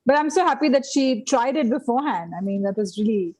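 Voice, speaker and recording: A woman's voice: on the high side, lively intonation, fast, darkish tone, low-quality recording. A woman teaching vegan baking in a casual live online class, talking with many fillers and restarts. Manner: hesitant, many fillers and restarts, laughs often. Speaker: guest vegan baking instructor. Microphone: video call.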